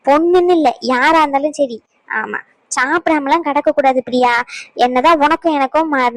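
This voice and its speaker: A woman's voice: high voice, no room sound, lightly acted. A woman voicing a blunt, bossy older mother-in-law in a cartoon, who lectures and scolds. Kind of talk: cartoon voice acting.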